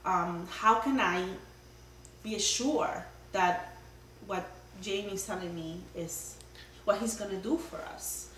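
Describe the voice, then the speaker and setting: A middle-aged homeowner sits at her dining table and earnestly tells a long story as a casual testimonial, her voice medium-pitched, slow and fairly bright, with many fillers. A far camera picks up roomy, distant audio with a faint hum.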